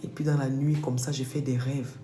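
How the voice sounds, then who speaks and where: Low-voiced woman giving a testimony. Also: normal speed. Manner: animated storytelling, acting out dialogue. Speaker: testimony speaker. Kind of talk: religious testimony. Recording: echoey room with faint music.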